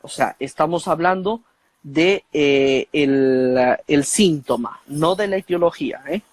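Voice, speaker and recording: A man with a somewhat high voice explains his field patiently, often pausing on fillers and checking in with short tag questions. The sound is close and dry, with no room around him. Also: dry recording. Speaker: guest expert on speech disorders. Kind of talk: explanatory conversation.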